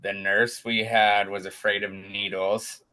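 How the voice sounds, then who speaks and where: A young man, a guest father, telling his story in a casual, animated way and acting out the quotes. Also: measured pace. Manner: animated, acts out quotes with raised pitch.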